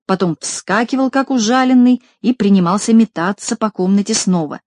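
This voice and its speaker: A woman reading a children's story aloud in an expressive, lively narrating manner. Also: medium pitch, moderate pace, no echo, clean studio sound. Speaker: audiobook reader.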